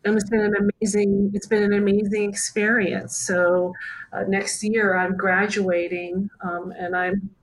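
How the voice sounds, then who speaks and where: A woman's voice: mid-range voice, level tone, low-quality recording. A woman in her late forties, an activist and writer, speaking thoughtfully as an interview guest. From United States. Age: 40s. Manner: thoughtful, measured, with fillers. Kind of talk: interview conversation.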